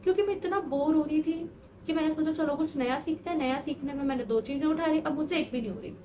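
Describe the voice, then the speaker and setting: A woman's voice: high voice, fast talker, crowd noise, low-quality recording. A woman in her twenties chatting casually for a vlog, self-mocking and exasperated as she talks through her struggles. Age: 20s. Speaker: vlogger, language learner. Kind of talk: casual talking-head vlog.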